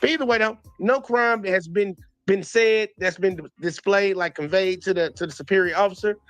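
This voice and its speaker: A man streaming his reaction to a police video, talking in blunt, animated casual commentary and repeating points for emphasis. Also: sits high, moderate pace, no room sound, soft background music.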